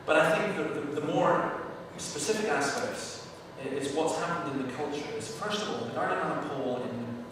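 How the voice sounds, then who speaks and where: A man answering questions at a church seminar, telling lively anecdotes and acting out the people in them. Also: a little high, moderate pace, few pauses. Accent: Scottish. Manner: animated storyteller, acts out shouting quotes. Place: large echoey hall. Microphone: far camera microphone. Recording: echoey hall from far off, noisy.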